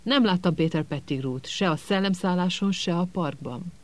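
A man's voice: high voice, close to an everyday voice. A man voicing a cold, contemptuous male teacher who hisses and sneers in an audiobook. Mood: seething. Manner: hissing, contemptuous.

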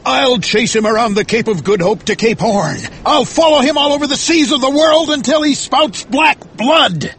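A man's voice: high voice, sing-song, a little slow, fairly bright tone, a little hiss or hum, voice pushed up, full character voice. A man voicing a fierce, obsessed, vengeful whaling captain with intense, roaring, dramatic delivery, as in an audiobook. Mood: fierce, commanding.

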